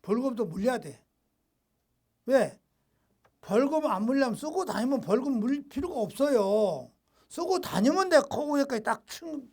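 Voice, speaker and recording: A male pastor with a high voice and a gravelly rasp running through it delivers a sermon. He reads passages in a measured way, then breaks into blunt, informal scolding. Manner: alternates reading a devotional text with blunt, scolding off-the-cuff asides; informal, rough-edged colloquial talk.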